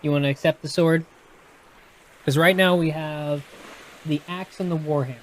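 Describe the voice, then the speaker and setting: Reading a gamebook to a live audience, a man with a Texan accent chats casually about its rules, explaining as he goes and often restarting or correcting his sentences. His voice is on the high side, with fairly even intonation and a moderate pace.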